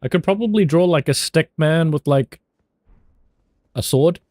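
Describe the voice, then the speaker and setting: A man's voice: fairly high pitch, a little slow, a little mellow, no room sound. Joking young Kiwi man, dry sound. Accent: New Zealand. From New Zealand. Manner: loose and jokey, swears freely, laughs often. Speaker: streamer chatting with viewers. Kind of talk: casual chat.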